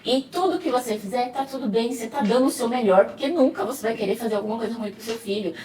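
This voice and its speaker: A woman hosting a casual chat, talking with animated energy, laughing often and quoting patients. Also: a little high, quick pace, crowd noise. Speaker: host, clinician at the clinic. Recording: echoey room, distant mic, faint noise.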